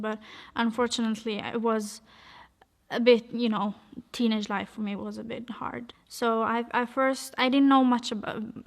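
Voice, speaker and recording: A young woman from Norway telling her life story in a casual, hesitant way, with many fillers and restarts. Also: on the high side. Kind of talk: personal testimony, casual.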